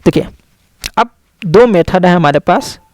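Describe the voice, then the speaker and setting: A man's voice: high voice, animated, a little slow, a little mellow, no room sound. A man teaching a lesson, explaining step by step and repeating key terms with many fillers. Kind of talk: classroom lecture.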